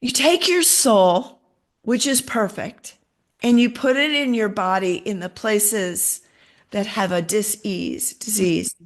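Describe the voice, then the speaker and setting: A middle-aged woman shares a personal story in an interview. She talks in an animated way, taking on the voices of the people she quotes as she goes. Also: medium pitch, slow pace. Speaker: interview guest.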